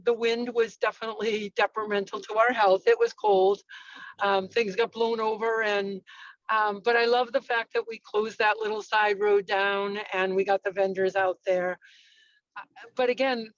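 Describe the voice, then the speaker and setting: A woman's voice: medium pitch, no room sound. A parade volunteer, a woman, talking over a car speakerphone while driving during a meeting call. She is chatty and enthusiastic. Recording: muffled dry car speakerphone audio.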